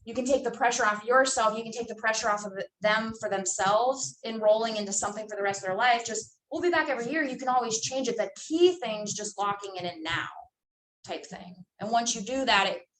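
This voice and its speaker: A woman's voice: a little high, a bit bright, slight background noise. A woman in her twenties coaching new sales agents, talking emphatically with lots of fillers. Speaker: sales trainer. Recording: echoey room from far off, faint ambience.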